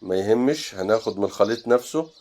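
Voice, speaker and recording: A man with a fairly low voice and an Egyptian Arabic accent walks viewers through painting a landscape. He speaks calmly and breaks off with short fillers while he mixes colors. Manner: thinks aloud while mixing paint, with pauses and fillers. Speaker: painting teacher. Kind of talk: relaxed step-by-step painting tutorial.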